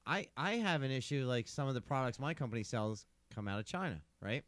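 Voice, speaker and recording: A man's voice: medium pitch, animated, a little fast, a bit bright, no echo. A man co-hosting a podcast, telling rambling, profane stories in casual banter. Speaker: podcast co-host.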